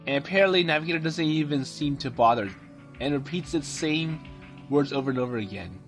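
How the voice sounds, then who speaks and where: A man's voice: fairly high pitch, animated, fairly quick. Hesitant man narrating a game. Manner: hesitant, many fillers and restarts, paraphrasing dialogue. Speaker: let's play commentator. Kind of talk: casual game commentary, translating and summarizing the story. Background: game music.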